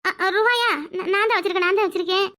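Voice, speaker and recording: A boozy, sly old village grandmother from a cartoon, voiced by a woman. Her voice sits extremely high and sounds bright and sharp. She talks in a whiny, pleading rustic way. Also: fairly even intonation, racing. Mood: rambling. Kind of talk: cartoon voice acting.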